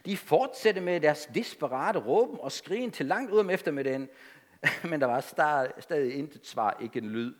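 A man delivering a sermon in a fairly high voice that swings widely up and down. He preaches with emphasis, pushing his points home, then drops into casual asides to the congregation. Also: expressive.

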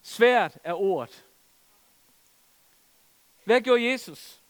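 A man's voice: extremely high pitch, lively intonation, in a large hall. A middle-aged man preaching a sermon, telling stories with humor and reading scripture with emphasis.

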